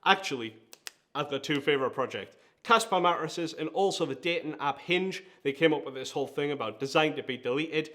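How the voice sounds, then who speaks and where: Brisk, bright and forceful, a slightly high male voice carries a Geordie accent through a countdown video. The speaker hosts the vlog and founded a design agency. His presenting is enthusiastic and emphatic.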